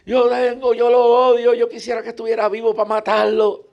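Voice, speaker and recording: A man voicing a seventy-year-old woman who shouts in anguish that she hates her late father. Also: extremely high pitch, monotone, a little fast, vocal fry, lo-fi sound, pitched above the performer's own voice. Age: 70s. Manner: anguished shouting, repeating itself.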